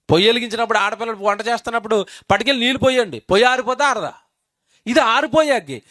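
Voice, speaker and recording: A man's voice: very high-pitched, fairly bright tone, no room sound, studio quality. A male pastor from Andhra Pradesh with a Telugu accent, preaching a sermon in an emphatic way, asking the congregation questions and repeating phrases.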